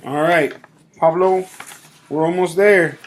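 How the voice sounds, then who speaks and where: A man at home helping a child read aloud, prompting words in a patient, gently firm way. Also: on the high side, steady tone, slow, a little hiss or hum. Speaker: parent coaching a child reader.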